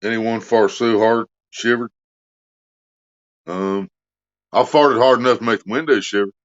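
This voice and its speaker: Reading out donations between crude jokes, this livestream host keeps things casual. His mid-range voice has vocal fry, lively intonation and an unhurried pace, captured in dull audio.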